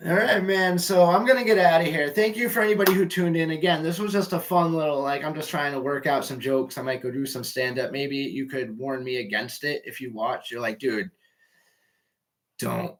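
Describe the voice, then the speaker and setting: A man's voice: a little high, steady tone, fairly quick, hardly any pauses. A young man doing a casual, rambling stand-up monologue at home, loose and swearing, often trailing off mid-sentence. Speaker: amateur comedian.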